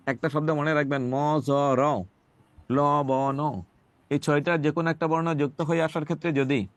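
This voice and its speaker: A man teaching a classroom lecture, emphatic and repeating key points, spelling words out slowly. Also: fairly high pitch, no echo. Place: classroom with students.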